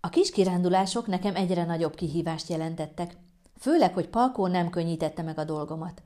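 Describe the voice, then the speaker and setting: A woman reads a first-person story aloud with calm, even pacing. Her voice sits a bit low for a woman and sounds warm and mellow. The delivery is steady storytelling. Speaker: narrator. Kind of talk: audiobook narration.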